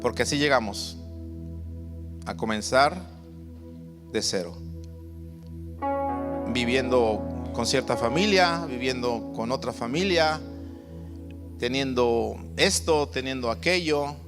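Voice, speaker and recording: A man preaching a sermon as pastor, stressing and slowly stretching key words. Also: mid-range voice, a bit bright, big-room sound, faint music behind.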